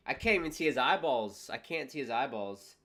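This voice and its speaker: A man's voice: mid-range voice, lively intonation, fairly quick, bright, forceful tone. A man hosting a livestream, giving casual, wry and exasperated reactions to a boxing match as it plays. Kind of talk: casual live commentary.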